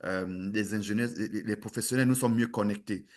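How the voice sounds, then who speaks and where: A man's voice: fairly low pitch, steady tone, a little fast. A man from Cameroon, a guest in a casual interview, earnest and often repeating words as he searches for them. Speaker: guest, president of an engineers' network.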